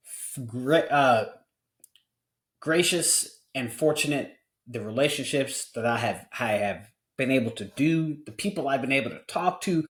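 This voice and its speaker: A man's voice: a little high, echoey room. A man of forty hosting a podcast, talking candidly and earnestly in casual conversation, often restarting his sentences. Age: 40s. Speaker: podcast host.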